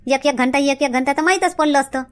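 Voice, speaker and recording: A woman with a high voice and a Varhadi Marathi accent speaks in a nosy, questioning way. She plays an auntie figure in a village comedy skit. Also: quick pace. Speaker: older aunt figure in a comedy sketch. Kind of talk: scripted comedy skit dialogue.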